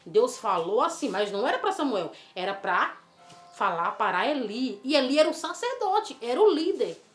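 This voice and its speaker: A woman telling a Bible story to children, animated and coaxing, asking the listener questions. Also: a little high, normal speed. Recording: roomy with faint music.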